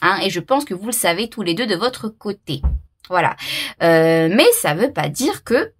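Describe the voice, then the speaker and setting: A woman's voice: mid-range voice, animated, moderate pace, husky. Chatty woman reading tarot, hesitant. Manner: hesitant, many fillers and repeats; laughs at herself. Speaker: tarot reader. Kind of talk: casual tarot reading to camera.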